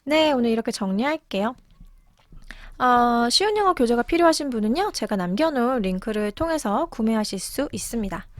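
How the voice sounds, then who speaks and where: A woman with a Korean accent teaching an online English lesson, explaining pronunciation and repeating phrases slowly for practice. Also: fairly high pitch, lively intonation, no echo.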